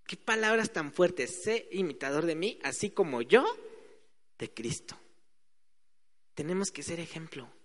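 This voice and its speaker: A man's voice: a little high, animated, unhurried, long pauses, fairly bright tone. A man preaching a sermon in a conversational way, acting out quoted voices. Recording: hall reverb.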